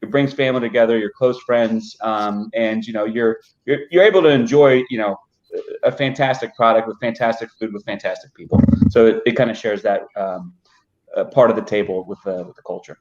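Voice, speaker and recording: A man's voice: fairly low pitch, steady tone, fairly quick, a little mellow, slight background noise. A man from Armenia, a spirits company founder, talking casually in a live online chat with lots of "you know" fillers. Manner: loose, filler-heavy, "you know" often. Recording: dull lo-fi audio.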